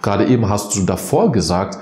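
A man's voice: fairly low pitch, lively intonation, fairly quick, a little mellow, echoey room. A man who works as a counselor, explaining things in a talk to camera and acting out the lines he quotes in different voices. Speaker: psychological counselor explaining narcissism.

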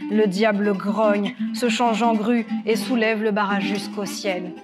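A woman storyteller telling a folk tale with guitar accompaniment, lively and expressive with dramatic pauses. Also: mid-range voice. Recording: guitar music throughout.

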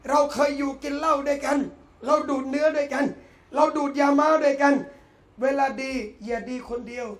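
A man with a Thai accent giving an impassioned Islamic sermon, fiery and swinging from shouting to soft. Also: very high-pitched, steady tone, fairly quick. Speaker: Islamic preacher.

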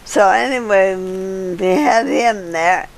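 An older woman being interviewed, telling old neighborhood stories in a halting way with fillers and chuckles. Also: medium pitch. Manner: halting storyteller with frequent laughs and fillers. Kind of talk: casual reminiscing.

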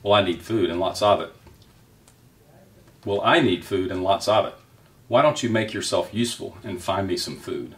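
A man voicing a sly, hungry male fox who talks low and quietly, like he is scheming. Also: moderate pace, pauses often, recorded from a distance, natural voice.

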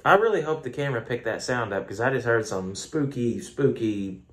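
This Southern US man reviews a beer on his phone at home in a chatty, rambling way, poking fun at himself. His mid-range voice is animated and fairly bright, at a moderate pace.

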